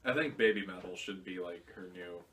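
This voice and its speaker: Bright-voiced opinionated man, far from the mic. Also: low voice, brisk, slight background noise. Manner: opinionated, hedges with asides. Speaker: podcast co-host. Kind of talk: casual wrestling chat. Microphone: phone or tablet. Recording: distant phone recording.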